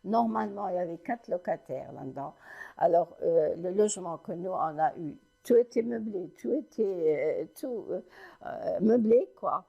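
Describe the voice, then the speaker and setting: A woman in her nineties from Lorraine in France, recounting family memories in an oral history interview, telling her story haltingly with many restarts. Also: lowish voice, expressive, creaky, breathy edge, dull audio. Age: 90s.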